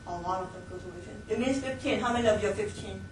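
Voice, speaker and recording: A Hong Kong woman teaching a missions training class speaks at a racing pace in a mid-range voice. Captured from afar in an echoey room with slight noise, her lecture is chatty, with frequent laughter, fillers, and restarts.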